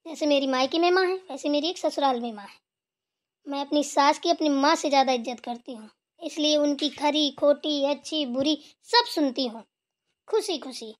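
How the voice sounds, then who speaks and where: A woman's voice: high-pitched, moderate pace, close to an everyday voice. A woman voicing a dutiful, cheerful young daughter-in-law in a cartoon, speaking earnestly and sweetly. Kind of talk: cartoon voice acting.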